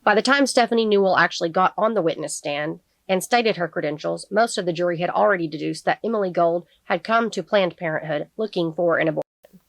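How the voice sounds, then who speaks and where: A woman's voice: lowish voice, a little fast, creaky, no room sound. A woman reading a novel aloud chapter by chapter, adding blunt, swearing asides of her own. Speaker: book reader and channel host.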